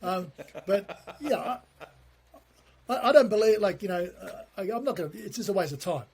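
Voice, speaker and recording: A man, a podcast guest telling stories in a lively, animated way and acting out the dialogue. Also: sits high, moderate pace, creaky. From born in Turkey, raised in Australia. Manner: animated storyteller who acts out dialogue. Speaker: guest, comedy writer. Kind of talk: casual podcast conversation.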